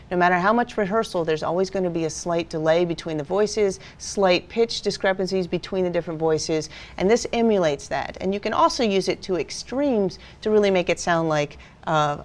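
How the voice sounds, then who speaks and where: A woman with a lower-pitched voice walks through a software tutorial one step at a time. She explains patiently and plainly, like a teacher guiding a class. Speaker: video editing instructor. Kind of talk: screen-recorded software tutorial.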